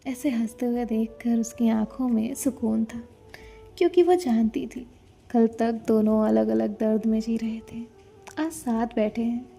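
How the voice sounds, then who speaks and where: Mellow woman narrating a love story. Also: a little high, steady tone, unhurried, gravelly. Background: faint music.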